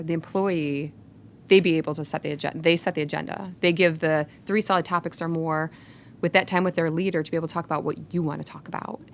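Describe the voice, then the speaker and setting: Upbeat woman executive, lowish voice. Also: slight background noise. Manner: upbeat, laughs often. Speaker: guest, company executive. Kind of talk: casual interview talk.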